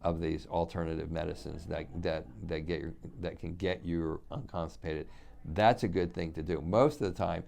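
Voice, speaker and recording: Talking directly to his audience, a middle-aged man who practices functional medicine gives an off-the-cuff health lesson that wanders, restarts and repeats words. His voice is deep, gravelly and a little mellow, with fairly even intonation at a moderate pace.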